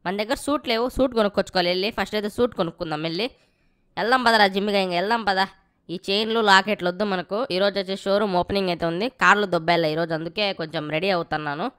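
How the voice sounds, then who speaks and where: A woman's voice: medium pitch, a bit bright, smooth. A young woman giving casual, rowdy, playful gameplay commentary and swearing freely. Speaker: gaming channel host.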